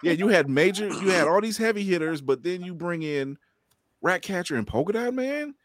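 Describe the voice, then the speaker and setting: A man's voice: high-pitched, expressive, normal speed, no echo, studio quality. A man co-hosting a casual podcast chat who laughs often and restarts his sentences. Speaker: podcast co-host.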